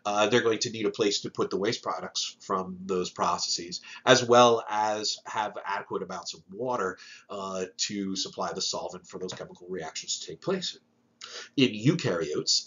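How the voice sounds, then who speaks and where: A man's voice: lowish voice, a bit bright, muffled recording. A man with a stuffy, nasal voice from a sinus infection, giving a casual recorded biology lesson with many "uh" fillers. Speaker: biology teacher.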